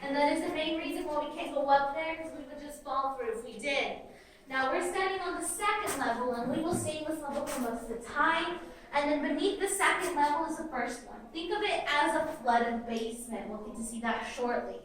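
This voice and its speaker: Female cave guide, high voice, addressing a tour group; heavy cave echo, picked up from a distance. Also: fairly quick, a bit bright. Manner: explanatory, addressing visitors directly. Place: inside a cavern. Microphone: distant microphone of a visitor's recorder. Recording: echoing cave, voice far from mic.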